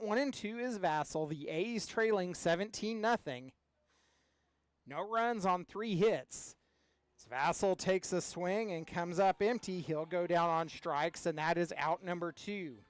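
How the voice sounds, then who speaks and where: A man's voice: sits high, unhurried, clear, resonant tone, dry recording, clean studio sound. A man giving live play-by-play commentary as a baseball announcer.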